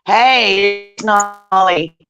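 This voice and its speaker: A woman's voice: medium pitch, drawn-out words, fairly bright tone, smooth, no room sound, lo-fi sound, soft background music. A woman calling into a live talk show, her voice coming through a crunchy, clipping, distorted mic. She talks in a casual, friendly way. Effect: crunchy, clipping distorted mic audio. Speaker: caller joining a live talk stream. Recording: distorted call-in line heard from afar.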